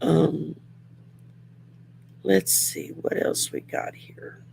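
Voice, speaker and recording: A middle-aged woman with a heavily creaky, gravelly whiskey voice chats casually as a live host. She takes her time and rambles in a plain-spoken way, over a faint hum of background noise. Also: sits low, sing-song, drawn-out words, dark tone. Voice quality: gravelly whiskey voice, raspy and worn. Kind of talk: casual live chat, reading out comments.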